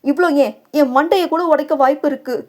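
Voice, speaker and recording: A fiery young wife and lawyer, sharp-tongued and jealous, as a woman narrator puts her on in an audio novel. She scolds and teases in a raised voice that sits above the reader's own. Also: sits high, animated, normal speed. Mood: sulky.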